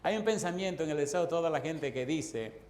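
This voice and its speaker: A man preaching as a pastor, telling a story with lively acted-out voices and bursts of laughter. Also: on the high side, fairly quick. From Dominican Republic. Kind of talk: storytelling sermon.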